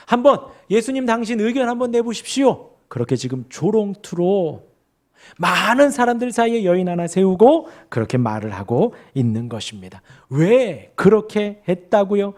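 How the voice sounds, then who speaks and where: A male pastor preaching an expository sermon in a church, asking his congregation questions and leading them in reading aloud. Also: sits high. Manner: animated, asks the congregation rhetorical questions. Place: church sanctuary.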